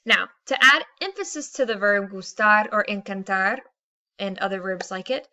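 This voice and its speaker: A woman's voice: medium pitch, normal speed, sharp tone, lo-fi sound. A woman teacher explaining grammar patiently in a recorded lesson, reading out Spanish examples.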